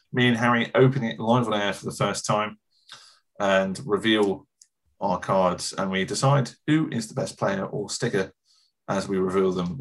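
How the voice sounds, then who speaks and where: A man with a low, husky voice hosts a relaxed podcast. He is chatty and self-deprecating, laughing easily as he talks. His tone stays loose and conversational. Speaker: podcast host. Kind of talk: casual podcast chat.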